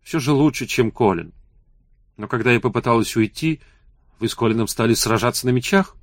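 A man's voice: mid-range voice, brisk, no room sound, lightly acted. A hungover young woman talks with weary irony and sighs through her reproaches, as read out by a man. The sound is close and dry, with no room around it. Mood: wry. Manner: sighing, weary, ironic.

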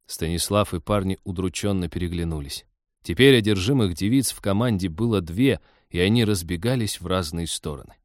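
A man narrating a science-fiction audiobook in a wry, even storytelling manner. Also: low-pitched, brisk, dry recording, clean studio sound.

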